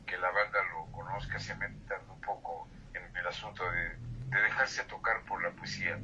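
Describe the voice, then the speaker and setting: A low-pitched man with a sharp tone, an older poet, joins a phone-in interview and poetry reading as a guest. He recites verse punctuated by whispered refrains and goes on to discuss his books, all over a tinny phone line carrying faint hiss.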